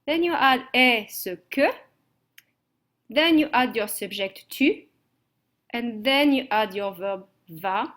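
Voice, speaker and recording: A woman's voice: a little high, animated, slow, long pauses, a bit bright. A woman teaching a language lesson from slides, explaining step by step and checking understanding with "okay?". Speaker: French teacher.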